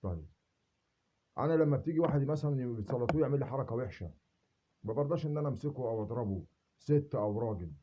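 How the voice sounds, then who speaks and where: Brief: indignant Upper Egyptian man, quick defiant monologue to camera, dull lo-fi recording. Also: mid-range voice, animated, noisy background. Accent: Egyptian Arabic, Upper Egyptian. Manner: indignant, repeats rhetorical questions, swells to loud emphasis. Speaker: self-made video speaker.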